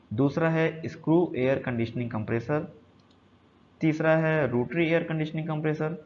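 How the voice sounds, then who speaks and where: Male instructor, plain mid voice, explanatory slide lesson, faint hiss. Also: mid-range voice. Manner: repetitive, explanatory, mixes English terms into Hindi. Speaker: HVAC instructor. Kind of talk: slide-based technical lesson. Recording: dull lo-fi sound with faint noise.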